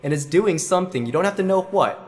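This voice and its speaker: A man's voice: high-pitched, expressive, quick pace. A man giving a singing lesson as voice teacher, patiently explaining and singing vowels to show them.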